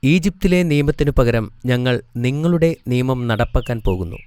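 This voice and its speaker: A man's voice: mid-range voice, animated, normal speed, darkish tone, clean tone, lightly acted. A man voicing a stern soldier in a cartoon story, speaking in a commanding way.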